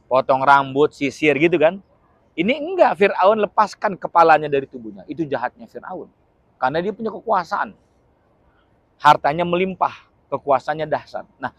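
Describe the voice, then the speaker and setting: A male Islamic preacher giving a lively, humorous religious lecture, often asking his listeners questions and acting out little scenes. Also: on the high side, no room sound. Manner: acts out short dramatic quotes with shouts.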